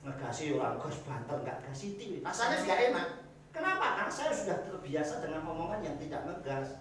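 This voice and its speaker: A male pastor with a Javanese accent preaching a sermon, animated and addressing the congregation often, acting out everyday people in quick asides. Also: fairly high pitch, slight background noise. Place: church hall. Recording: very echoey hall, mic at a distance.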